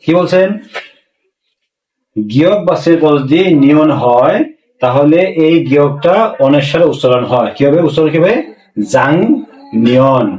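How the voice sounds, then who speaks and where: A man teaching a language class, asking rhetorical questions and slowly repeating words for learners. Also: fairly high pitch, a little mellow. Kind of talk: classroom-style language lesson. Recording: echoey room, voice a bit far from mic.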